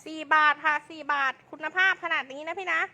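Female live seller. Piercingly high and sharp, fast hype delivery with insistent, repeated sales lines. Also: fairly even intonation. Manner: insistent, repetitive sales patter. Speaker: live-stream clothing seller.

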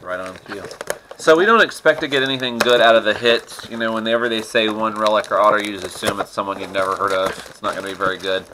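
A middle-aged man hosting a card-opening channel talks fast in a fairly low, steady voice as he opens trading card packs at his desk at home. He's chatty, teasing, and laughs often, with a noisy background.

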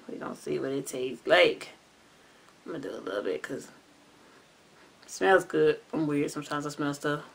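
A woman from the US South with a Southern accent, chatting casually and slangily in a taste-test vlog and growing excited as she reacts. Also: low voice, moderate pace, gravelly, pauses often. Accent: Southern American. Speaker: vlogger.

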